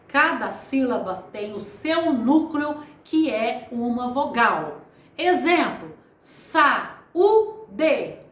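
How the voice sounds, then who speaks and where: A middle-aged woman with a high, very lively voice teaches grammar at an unhurried pace. She breaks words into syllables and repeats key terms. Her voice rings in an echoey room. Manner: didactic, repeats and spells out syllables slowly. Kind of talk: video grammar lesson.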